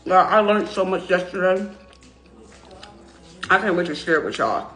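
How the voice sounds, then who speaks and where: A woman's voice: on the low side, animated, a bit bright. A woman hosting a mukbang, chatting casually and emphatically to viewers while chewing her food, with appreciative hums between phrases. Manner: drawn-out, emphatic, informal folksy delivery with frequent appreciative hums. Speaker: mukbang host eating on camera. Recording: roomy echo, music behind.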